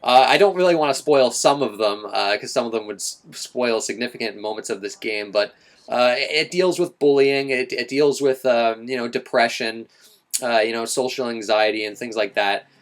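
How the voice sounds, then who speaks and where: A young man talks through a game review in a casual, unscripted way. His pitch sits in the ordinary middle range for a man, and he often stumbles and restarts his sentences with plenty of fillers. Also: normal speed. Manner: rambling, many restarts and fillers.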